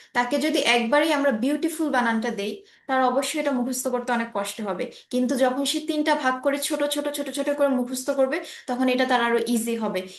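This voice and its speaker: A woman teacher with a high voice walks through an online lesson patiently. She stops often to check that her student is following. The sound has a roomy echo. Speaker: English teacher. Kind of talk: online class explaining English grammar.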